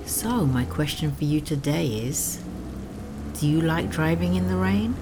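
A woman in middle age speaks in a remarkably low register, at a slow, unhurried pace. Her delivery is intimate, soothing and sultry, breathy and slipping into whispers as she hosts a sleep story. Rain is clearly audible behind her voice. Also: background noise. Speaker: host of a sleep story series. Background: steady rain.

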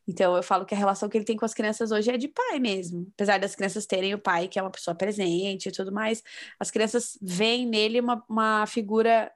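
A woman in her thirties from Brazil, talking calmly and reflectively in a casual conversation. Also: mid-range voice, brisk. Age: 30s. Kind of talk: casual chat.

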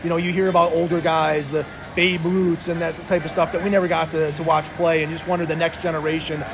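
A man co-hosting a casual sports talk show, speaking haltingly and often repeating words. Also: a little high, flat delivery.

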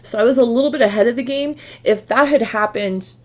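A woman's voice: a little high, fairly quick. A woman hosting a podcast, speaking in a reflective, relatable conversational way. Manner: reflective, relatable, thinks aloud with fillers. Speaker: podcast host. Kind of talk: conversational interview.

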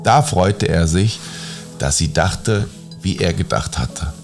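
A man calmly reading a fairy tale aloud as a bedtime story, in a measured storytelling manner. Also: low voice, vocal fry, over music.

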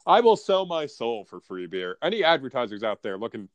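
A North American man with an average-pitched voice co-hosts a sports podcast. He chats casually, blunt and profane, with frat-bro banter. The sound is close and dry. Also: big pitch swings, a little fast, no echo, dull audio.

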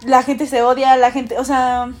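A woman's voice: high voice, level tone, unhurried, a little hiss or hum. A woman in a casual chat, opinionated and emphatic.

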